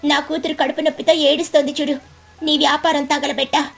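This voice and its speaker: A woman's voice: sits high, fairly even intonation, normal speed, faint music behind, close to an everyday voice. A woman voicing a protective mother sparrow in a cartoon story, speaking firmly and with indignation. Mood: fierce. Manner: firm, indignant.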